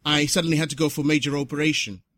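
A man speaking at a conference, short of breath, earnest and reflective, pausing to correct himself. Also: a little high, little pitch movement, a bit bright, no echo, clean studio sound. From Zimbabwe. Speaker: conference speaker, patient advocate. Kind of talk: conference speech. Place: conference hall.

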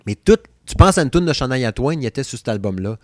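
A man's voice: mid-range voice, fast talker, no echo, clean studio sound. A man in his thirties from Saguenay with a Québécois French accent, co-hosting a casual chat show and joking about old songs. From Saguenay, Quebec. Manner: animated, joking, hums song snippets. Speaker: podcast co-host.

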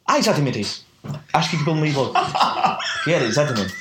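A man's voice: fairly high pitch, big pitch swings, racing, reverberant, very noisy. Rambling man with a European Portuguese accent. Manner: rambling, self-correcting, laughs at own mix-ups. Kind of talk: casual chat, storytelling.

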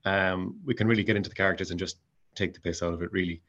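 This interview guest is a Mayo man with a west of Ireland accent who acts in amateur drama and talks about it in a relaxed way. He speaks very fast in a low, steady voice that's a bit bright, though the recording's highs are cut off.

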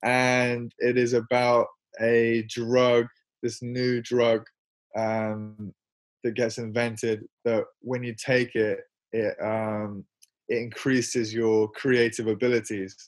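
A young musician and filmmaker chats as a guest in a casual interview, rambling, poking fun at himself and laughing often. His voice is mid-range and level, at a slow pace.

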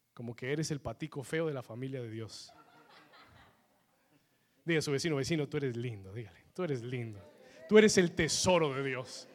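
A man preaching a sermon with call-and-response, switching between two languages and rising to shouts. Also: mid-range voice. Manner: slow, emphatic phrasing. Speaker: pastor. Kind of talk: bilingual sermon.

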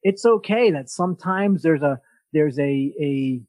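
A man hosting a podcast, giving an energetic motivational talk and often restarting his sentences. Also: fairly high pitch, unhurried, no echo, poor audio. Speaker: podcast host.

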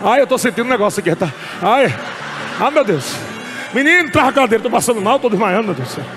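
A preacher mimicking a frightened believer, whimpering that they feel faint and are about to die. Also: male voice, sits high, big pitch swings, fast talker, music in the background. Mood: panicky. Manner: whimpering, panicky. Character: frightened believer fearing death.

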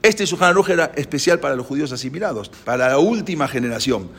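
A man delivers a sermon-like lecture in a rough, fry-laden voice with a breathy, husky edge. He drives his points home with abrupt jumps in pitch and volume, and he stumbles into restarts and filled pauses as he hunts for words. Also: expressive. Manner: emphatic, with sudden rises in pitch and loudness. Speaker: religious lecturer.

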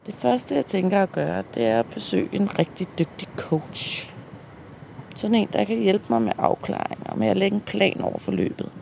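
Speaking into a handheld mic that pops on her P's, this middle-aged Danish podcast host records a personal audio diary. Her mid-range voice is animated, creaky and mellow; the narration is slow and reflective, hesitant, self-deprecating and laden with fillers, over slight background noise.

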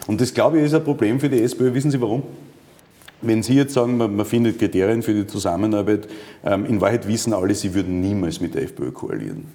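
A man's voice: lowish voice, quick pace, dark tone, big-room sound. A man interviewing a politician, pointed and interrupting, pressing with questions.

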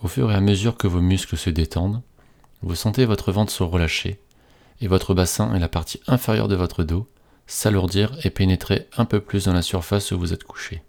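A man reading a scripted guided relaxation in a slow, soothing, hypnotist-like manner with repetitive phrasing. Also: low voice, creaky, a little mellow.

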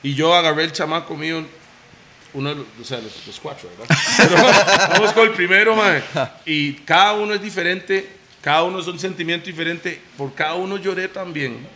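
A Costa Rican man co-hosting a podcast, telling a story in a lively way with slang and sound effects. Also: on the high side, brisk, crowd noise. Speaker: podcast co-host. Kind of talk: casual chat.

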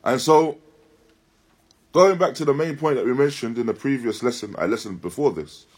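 Teaching a live-streamed lesson at an Islamic centre, this religious teacher has a medium-pitched voice with a slight huskiness. His explanation of the text comes in measured, halting phrases, with emphatic restatements and recited Arabic.

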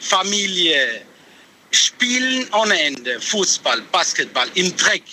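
A man phones a radio show from his truck on a hands-free speakerphone, the line a little noisy. He talks slowly and haltingly, stopping often for fillers and restarts. His voice is fairly high and very bright. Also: very animated. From Kosovo. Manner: hesitant, many fillers and restarts. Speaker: caller, truck driver. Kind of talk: call-in radio chat. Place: truck cab on the road.

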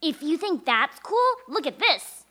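A woman's voice: high-pitched, measured pace, full character voice. A woman doing a bragging six-year-old boy. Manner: deadpan bragging. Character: boastful, tall-tale-telling six-year-old boy. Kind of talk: live comedy radio play.

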